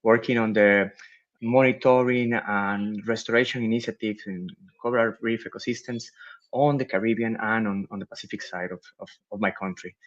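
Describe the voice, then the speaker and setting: Halting middle-aged man, dull lo-fi sound. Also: on the low side. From Costa Rica. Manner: halting, many repeated words and restarts. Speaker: marine biologist, panel guest. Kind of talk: panel discussion answer. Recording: lo-fi dull audio.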